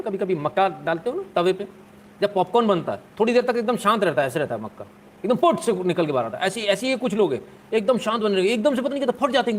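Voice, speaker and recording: A man's voice: sits high, slight background noise. A man hosting a live stream, chatting casually with viewers in a joking, sarcastic way.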